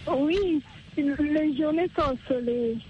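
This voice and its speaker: High-voiced woman searching for words. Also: a little slow, lo-fi sound, a little hiss or hum. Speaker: languages student.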